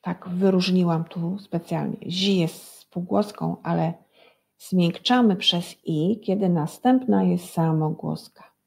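A primary school teacher with a low, creaky, darkish voice speaks slowly in a recorded lesson for young children. She patiently spells words out sound by sound and asks the class to repeat after her.

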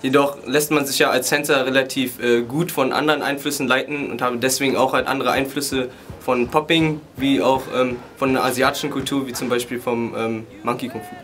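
A 21-year-old man and hip hop dancer, speaking calmly and in a measured way in a casual interview, with occasional fillers. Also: mid-range voice, slight background noise. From Germany. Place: indoors beside a wooden wall. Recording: music playing under the voice.

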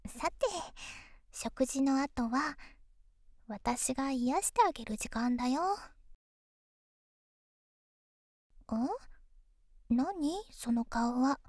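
In an ASMR role-play, a woman plays a young girlfriend who is affectionate and teasing, murmuring intimate pillow talk in a soft, coaxing way. Her voice is high, and the studio recording is clean with no room sound.

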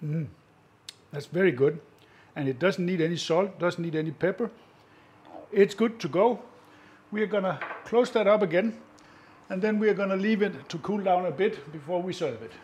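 A man hosting a cooking show, calmly explaining each step as he cooks, often chuckling. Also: high-pitched, moderate pace, long pauses, dull audio. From Northern Europe. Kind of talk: casual cooking demonstration.

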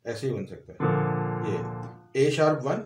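A man's voice: mid-range voice, lively intonation, a little slow, reverberant. A man giving a piano and vocal lesson, explaining notes step by step and singing short phrases between his explanations. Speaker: music teacher. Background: piano playing.

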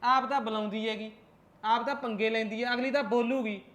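A woman's voice: fairly high pitch, steady tone, fairly quick, crowd noise, natural voice. A woman playing a short-tempered husband who nags and scolds his wife. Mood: scolding. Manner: nagging, scolding.

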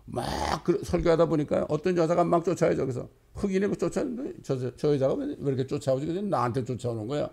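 Gravelly-voiced man preaching a sermon. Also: on the high side, expressive, fast talker, hardly any pauses. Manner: storytelling preacher, bursts into loud quoted lines. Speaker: pastor.

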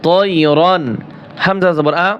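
A man teaching Quran recitation, spelling out words and asking questions he answers himself, then chanting drawn-out melodic readings. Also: sits high, fairly even intonation, fairly bright tone, highs cut off, a little hiss or hum. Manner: drawn-out melodic recitation between quick explanations.

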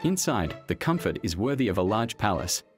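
A man reading a scripted documentary voice-over in a measured, even delivery. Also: fairly low pitch. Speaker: documentary narrator. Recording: voice-over with music bed. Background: background music.

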